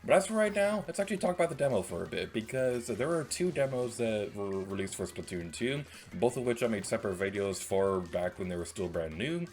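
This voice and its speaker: A man hosts a Let's Play in a casual, playful way. His voice is very animated, swinging widely in pitch as he comments on the game. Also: brisk, hardly any pauses.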